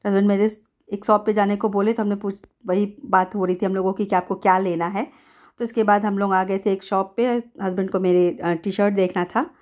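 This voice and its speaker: A middle-aged woman tells the story of a family outing in an easygoing voice-over. She strings her sentences together in a chatty way, like someone talking to a friend. Her pitch is average for a woman. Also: flat delivery, brisk, darkish tone. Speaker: family vlogger.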